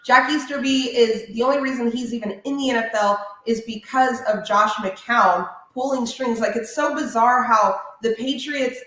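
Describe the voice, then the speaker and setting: A woman who hosts a sports radio show, ranting in an animated, opinionated way during a casual podcast chat. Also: a little high, moderate pace, few pauses. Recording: very echoey room.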